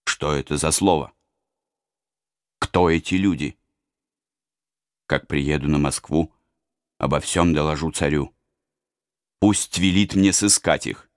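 A man's voice: extremely low pitch, slow, pauses often, dry recording, clean studio sound, pitched below the performer's own voice. A man voicing a stern, resolute young prince in a storybook reading.

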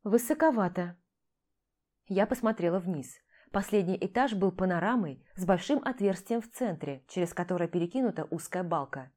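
Mellow-voiced woman narrating an audiobook. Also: fairly low pitch, animated, fairly quick, few pauses. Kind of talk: first-person scripted narration.

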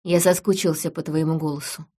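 A woman reading an audiobook, voicing a gentle, mysterious man who speaks low and softly. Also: fairly even intonation, a little fast, breathy edge. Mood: tender. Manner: low, soft and tender.

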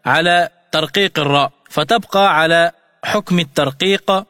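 High-voiced male recitation teacher. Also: sharp tone. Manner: methodical, repeats each rule slowly. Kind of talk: radio lesson explaining recitation rules. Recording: studio radio voice with long reverb.

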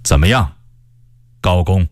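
Man voicing a stubborn army commander, stern, scornful, low voice, dry sound. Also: expressive, slow pace, no echo. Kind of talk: storytelling character voice.

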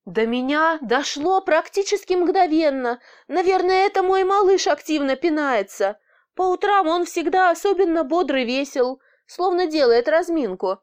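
A woman narrating a story in the first person, lively and expressive, with blunt swearing. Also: very high voice, normal speed. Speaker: audiobook narrator.

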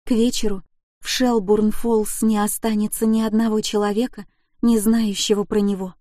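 A woman's voice: medium pitch, flat delivery, normal speed, warm tone, no room sound, clean studio sound. A woman reading an emotional first-person audiobook in a gripping, intense way. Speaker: audiobook narrator.

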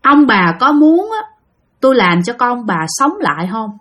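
A woman voicing a mysterious middle-aged male boatman sorcerer who gives flat, matter-of-fact demands. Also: fairly high pitch, normal speed. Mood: stern.

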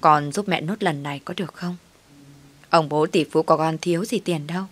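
A woman's voice: deep voice, a little fast. A woman voicing a scheming older mother-in-law who coaxes and complains. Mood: coaxing. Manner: coaxing then complaining.

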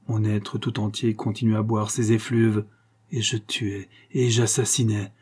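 A man's voice: medium pitch, dark tone, slightly rough. A man voicing a very old male mesmerist who feverishly confesses to stealing life from children. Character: ancient male mesmerist confessing his crimes.

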